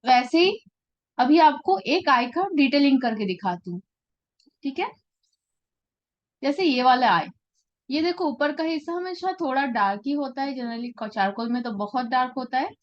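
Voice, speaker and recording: High-voiced woman teaching a live drawing class. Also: expressive, normal speed, long pauses, lo-fi sound. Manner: patient, checks understanding often. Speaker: art teacher.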